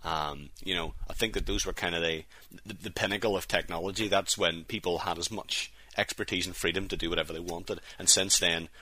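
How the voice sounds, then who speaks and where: Deep-voiced blunt podcast co-host man. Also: fairly even intonation, fairly quick, few pauses, bright, forceful tone. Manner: blunt, scornful opinions. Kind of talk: casual chat.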